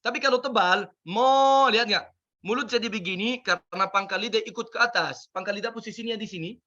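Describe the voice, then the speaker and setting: Man teaching recitation, high voice, very bright tone, dull lo-fi sound. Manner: drills sounds slowly with repeated examples. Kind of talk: tajweed pronunciation lesson.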